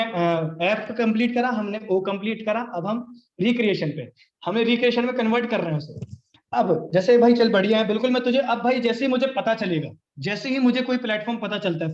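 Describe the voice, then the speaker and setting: Energetic high-voiced young man coaching. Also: echoey room, highs cut off. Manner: energetic, coaching, acts out both sides of sample chats. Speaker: online sales trainer. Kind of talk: live online training session.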